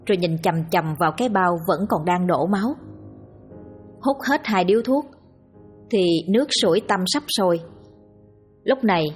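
A woman narrating a scripted horror story in a steady, grim, dramatic manner. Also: mid-range voice, slightly rough.

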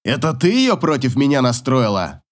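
A man voicing a gruff, venomous middle-aged ex-husband in an audiobook. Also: medium pitch, big pitch swings, normal speed, lightly acted.

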